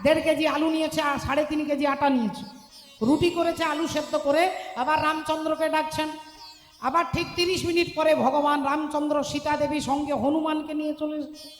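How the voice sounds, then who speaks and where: A high-voiced woman kirtan singer narrating a devotional tale with lively, dramatic pacing. Her voice rings around a large, echoey hall with a long tail of reverb. Soft music plays beneath her. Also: quick pace. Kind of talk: devotional storytelling sermon.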